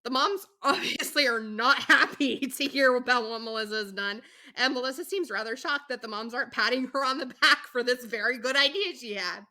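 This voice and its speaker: A woman co-hosting a podcast in a chatty, animated tone, full of asides. Her voice sits a little high and rings bright and forceful. She talks with plenty of fillers. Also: a little fast. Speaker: podcast co-host. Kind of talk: casual chat recapping a reality show.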